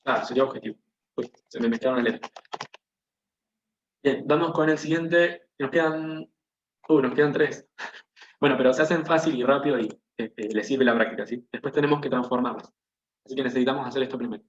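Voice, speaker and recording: A male teacher lectures over a video call, explaining each point patiently and pausing to check that the class is following. His voice sits in the middle range and comes through a computer microphone, with a roomy echo and dull lo-fi audio. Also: medium pitch.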